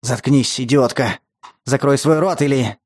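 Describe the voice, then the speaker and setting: A man voicing a lecherous, menacing older stepfather who talks in a wheedling, breathy way. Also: mid-range voice, unhurried, dry recording, studio quality, close to an everyday voice. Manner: wheedling, breathy, then snarling.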